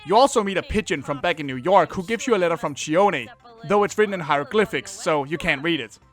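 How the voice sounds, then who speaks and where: A man hosting a comedic retro game review, cracking jokes and breaking into exaggerated mock panic. His voice is high and bright, and his delivery stays energetic throughout. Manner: jokey, with exaggerated outbursts.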